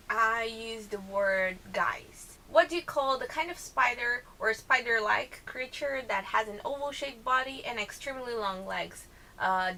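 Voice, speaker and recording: A woman with a Brazilian accent and native Portuguese talks casually in a fairly high, very bright voice. She reads questions and answers them at an unhurried pace, correcting herself and wandering into asides. A faint hiss sits behind her. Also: poor audio.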